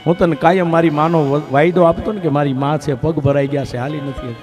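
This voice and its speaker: A man voicing a poor, humble wandering man who pleads softly and devotedly, with guitar music behind. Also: a little high, steady tone, brisk, lightly acted. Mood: sorrowful.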